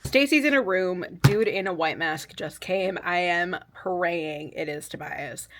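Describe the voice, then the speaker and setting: An adult mother who vlogs about books shares casual reactions to her reading, speaking emphatically and exclaiming directly to her viewers. Her voice is lowish and unhurried.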